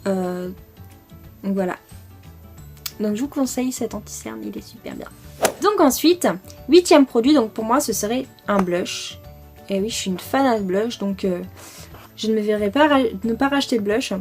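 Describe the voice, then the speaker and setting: A woman's voice: on the high side, animated, normal speed, darkish tone, soft background music. Chatty French woman reviewing makeup. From France. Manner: chatty, many fillers, enthusiastic about products. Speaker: beauty vlogger. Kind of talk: casual product review.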